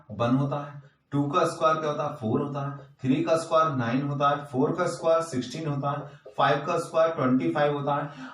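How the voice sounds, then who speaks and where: A man's voice: fairly high pitch, fairly bright tone, far from the mic, a little hiss or hum. A man teaching a maths exam solution, going step by step and asking rhetorical questions as he works through each sum. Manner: patient, step-by-step explaining with repeated rhetorical questions. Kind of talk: exam-paper maths lesson. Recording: roomy echo, voice off-mic.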